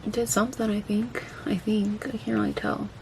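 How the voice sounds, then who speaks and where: A woman's voice: mid-range voice, level tone, brisk, creaky, darkish tone, a little hiss or hum, poor audio. A woman chatting casually and self-deprecatingly through a makeup vlog, her mouth and jaw swollen after having her wisdom teeth out. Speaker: beauty vlogger.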